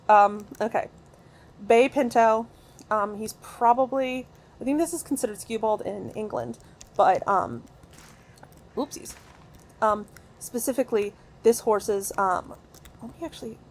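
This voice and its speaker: A woman giving casual, excitable gameplay commentary from her recording room at home, rambling with many fillers and restarts. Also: on the high side, a little hiss or hum. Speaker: gaming video creator.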